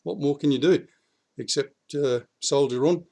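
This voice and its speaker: A slightly high-pitched, moderately paced Australian man, croaky from a recent flu, vlogs about prepping and politics from his backyard. He's blunt and swears freely while addressing the camera, his voice rising and swelling in volume when he presses an argument.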